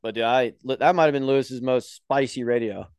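A young man co-hosting a casual podcast chat, telling animated stories and swearing freely. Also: medium pitch, fairly quick, clean tone, no echo. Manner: animated storyteller, swears freely, acts out quotes. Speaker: podcast co-host.

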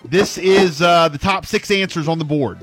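A man's voice: fairly high pitch, moderate pace, a bit bright, slightly rough. A man hosting a live phone-in contest on the radio, repeating answers like a game show announcer. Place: radio studio. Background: music playing.

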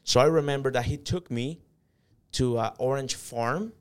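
Speaking at a moderate pace in a smooth, mid-range voice, a Salvadoran company manager recounts his life story as an interview guest. He comes across as earnest and reflective, hesitating with fillers.

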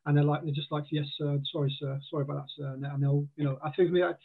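A Welsh man with an accent blending Welsh and southern English chats casually as a podcast guest, often restarting sentences and acting out quotes. His voice is fairly high and flat with vocal fry, and he talks fast. The line sounds tinny, like a phone.

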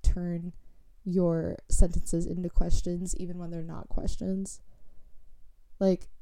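A woman's voice: fairly low pitch, gravelly, warm tone. A young woman hosting her own podcast, talking casually in a rambling, chatty way, full of fillers and self-corrections. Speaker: podcast host. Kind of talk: casual solo podcast talk.

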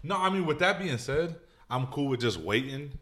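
A man's voice: a little high, expressive, normal speed, sharp tone. A young man bantering casually with friends like a frat bro, often repeating his words. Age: young adult. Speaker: podcast co-host. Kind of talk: casual chat among friends.

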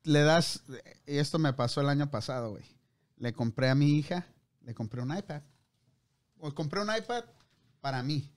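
A man's voice: fairly high pitch, moderate pace, long pauses. A man with a Mexican accent, chatting on a podcast in a slangy, joking way. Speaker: podcast co-host. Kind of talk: casual chat.

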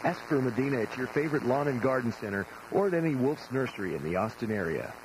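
An American man reading a scripted gardening advertisement in a measured, explanatory radio announcer manner. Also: medium pitch, animated. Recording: noisy radio broadcast recording.

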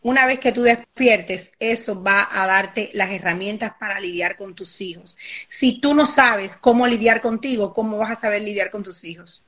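A woman's voice: medium pitch, moderate pace, a bit bright. A woman life coach giving advice in an online live conversation, talking emphatically and repeating key phrases. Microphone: online live call.

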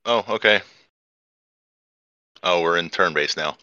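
A man playing a casual tabletop role-playing game talks through his moves hesitantly, with many fillers and the odd swear. His low, sharp-toned voice is measured, recorded with dull audio and no room sound.

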